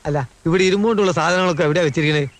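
An actor playing a jittery gossiping servant. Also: male voice, a little high, racing, no echo, close to an everyday voice. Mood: fretful warning. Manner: nervous, fussing and warning. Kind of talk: comic film dialogue.

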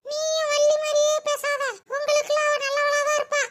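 A woman's voice: very high-pitched, monotone, a little fast, slight background noise. A woman voicing a boastful, gossipy village woman who scolds and wails, with a Tirunelveli Tamil accent. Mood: scolding gossip. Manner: scolding, sharp-tongued, dramatic wailing.

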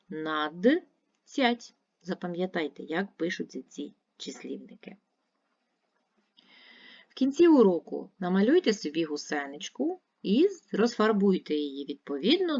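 A woman teacher giving a recorded lesson to young pupils, speaking slowly and repeating words carefully. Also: fairly low pitch, a little mellow, lo-fi sound. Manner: slow, careful, repeats words clearly for children. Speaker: primary school teacher.

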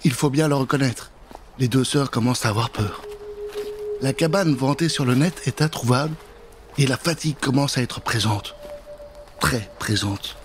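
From a dark studio booth, the middle-aged storyteller narrates a spooky children's tale playfully and theatrically, speaking straight to listeners at normal speed in a mid-range voice. A close studio mic with a pop filter captures him, with prominent music behind.

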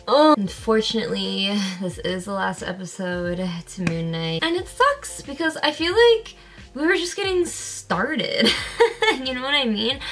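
A young woman hosting a reaction video, chatting casually and excitably and laughing often. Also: medium pitch.

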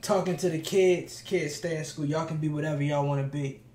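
A man hosting a reaction video, talking casually while standing, hyped and full of shout-outs. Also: on the high side, steady tone, fairly quick. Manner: talks standing up. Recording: echoey room with music playing.

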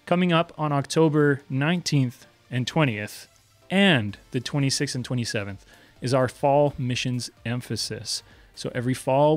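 A man's voice: medium pitch, no echo. A man in his thirties giving friendly, upbeat church announcements at a desk mic in a small studio. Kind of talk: prayer then church announcements. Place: small indoor studio set. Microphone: desk broadcast mic.

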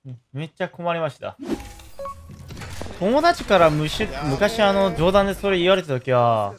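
A man, chatting playfully while he streams a game. His pitch sits a little high and swings widely as he jokes and reacts. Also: normal speed. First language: Korean. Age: 30s. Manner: joking and animated, with loud yelps and laughs. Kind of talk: casual gaming stream chat.

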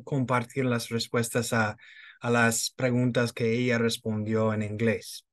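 Middle-aged male webinar presenter, native English speaker, American-accented Spanish with a touch of Madrid, slow and hesitant, mid-pitched. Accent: American-accented Spanish with occasional Madrid pronunciation. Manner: halting, hesitant non-native delivery. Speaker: education agency presenter. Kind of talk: webinar presentation, translating prepared answers. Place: indoors on a video call.

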